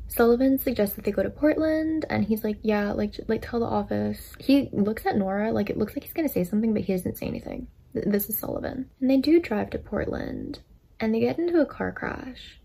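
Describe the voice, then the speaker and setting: A woman's voice: mid-range voice, creaky, warm tone, breathy edge. A young woman in her twenties casually retelling a book's story, chatty with lots of filler words, into a desk microphone. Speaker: storytime vlogger.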